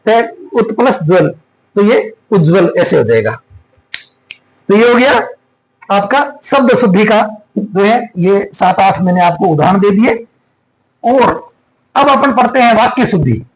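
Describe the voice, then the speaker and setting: A man teaching an exam-prep grammar lesson, slowly repeating and dictating words for students to write. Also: sits high, rough recording.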